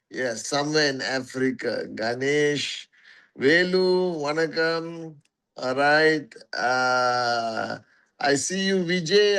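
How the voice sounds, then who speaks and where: Man on a livestream, slightly high voice, unhurried, greets followers by name, repeats himself for emphasis. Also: a bit bright, clean tone. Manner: greets viewers one by one, calls them warriors; slow, emphatic, repeats phrases. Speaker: network marketing leader hosting a livestream. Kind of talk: casual livestream address to followers.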